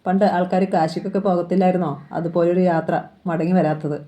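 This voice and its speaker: Woman reading as a gruff, blunt older father. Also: on the low side, steady tone, fairly quick, dark tone, lightly acted. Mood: stern.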